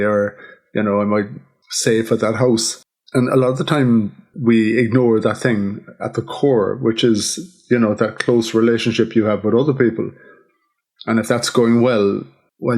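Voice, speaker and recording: A man hosting a podcast, introducing his guest in a relaxed, chatty way. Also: fairly low pitch. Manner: relaxed, chatty, leading the conversation. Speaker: podcast host.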